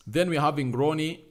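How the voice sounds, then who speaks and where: A young man hosts a fan channel's live stream in a casual, chatty way, his voice slightly high. Emphatic throughout, he calls out viewers' names, reads their comments, repeats himself, and urges people to hit like, sometimes rising to loud shouts.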